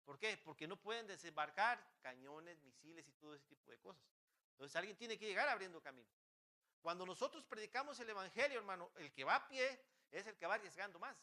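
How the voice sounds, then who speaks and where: A man's voice: high-pitched, expressive, brisk, pushed and bright. A man preaching a sermon as pastor. He talks fervently, asks the congregation many rhetorical questions and often restarts his phrases. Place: church.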